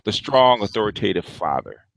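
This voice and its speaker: A low-voiced man hosting a casual chat, rambling and circling back on his words, restarting phrases as he goes. His voice is recorded dry and close, with no room sound around it. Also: sing-song, normal speed, vocal fry, a bit bright, dry recording, rough recording. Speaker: show host. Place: Long Island.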